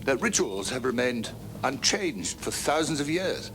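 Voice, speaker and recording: A man narrating a documentary in a dramatic, scripted way with slow ominous pauses, heard from an old VHS tape. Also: mid-range voice, very animated. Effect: old VHS tape sound. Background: music.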